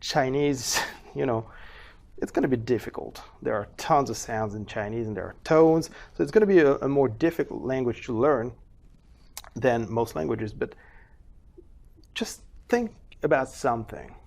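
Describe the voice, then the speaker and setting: Gravelly man giving a language lesson. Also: medium pitch. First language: not English. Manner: demonstrates sounds in several accents, stretches words slowly. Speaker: language teacher. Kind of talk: casual spoken lesson to camera.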